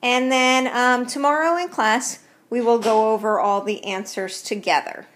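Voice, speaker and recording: A woman's voice: on the high side, steady tone, unhurried, fairly bright tone, a little hiss or hum. A woman teacher recording a homework walkthrough on a tablet at home, explaining step by step in an easygoing way. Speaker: math teacher. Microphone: tablet built-in mic.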